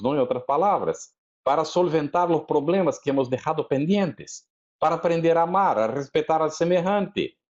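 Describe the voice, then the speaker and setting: A man's voice: fairly high pitch, a little mellow. A man giving a religious lecture in a didactic way, often checking in with his listeners. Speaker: spiritist lecturer. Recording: dull lo-fi recording.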